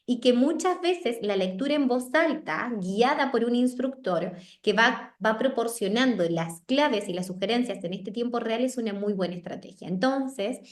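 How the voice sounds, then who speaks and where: Woman presenter on a video call, higher voice, echoey room, tags "right?" onto her points. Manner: explanatory, checks in with frequent tag questions. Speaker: literacy presenter. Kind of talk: explaining reading strategies in an online meeting.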